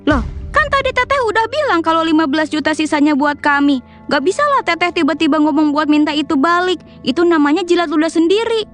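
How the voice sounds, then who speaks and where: A woman's voice: very high-pitched, lively intonation, fast talker, fairly bright tone, faint music behind, voice pushed up. A woman voicing a stern middle-aged husband who answers in a raised, scolding tone while narrating a story. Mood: indignant.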